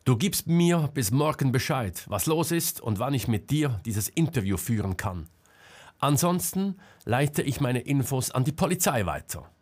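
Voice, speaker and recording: A man's voice: lowish voice, expressive, measured pace, breathy edge, exaggerated voice. A man voicing a determined female reporter who confronts people bluntly and insistently, in an audiobook. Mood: confronting.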